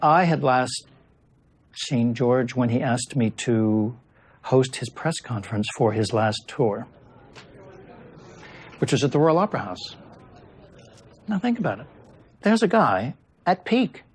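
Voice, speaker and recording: A man's voice: mid-range voice, expressive, slow pace, long pauses, husky. A man interviewed as a broadcaster, speaking emphatically with some restarts. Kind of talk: interview commentary.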